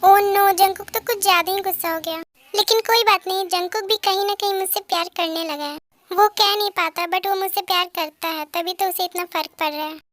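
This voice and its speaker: A woman's voice: extremely high pitch, fairly even intonation, brisk, fairly bright tone, dry recording. A woman plays a lovesick, teasing teenage girl who sulks and pleads. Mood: sulky. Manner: pleading, sulky.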